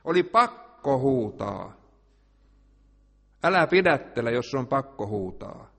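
A man preaching a sermon, swinging between quiet, hushed asides and loud, emphatic declarations. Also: mid-range voice, wildly swooping pitch, vocal fry, big-room sound.

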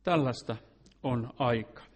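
A man preaching a sermon in an earnest way, asking rhetorical questions and sometimes restarting a phrase. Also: medium pitch.

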